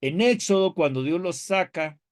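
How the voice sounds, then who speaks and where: A high-pitched pastor speaks at a moderate pace while giving a theology lecture at a seminary. He keeps it animated and conversational, quizzing the class, joking, and reading scripture aloud with emphatic upward inflections.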